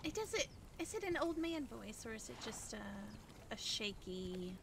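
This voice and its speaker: A woman's voice: a little high, sing-song, a little slow, gravelly. A woman chatting in character during a role-play game, teasing and playful. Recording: noticeable background noise.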